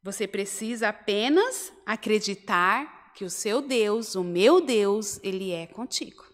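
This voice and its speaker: A woman's voice: mid-range voice, lively intonation, slow pace. Brazilian woman preaching in a reverberant hall. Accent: Brazilian Portuguese. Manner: storytelling, swells to emphatic exhortation. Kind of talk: sermon. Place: church hall, indoors. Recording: long church reverb.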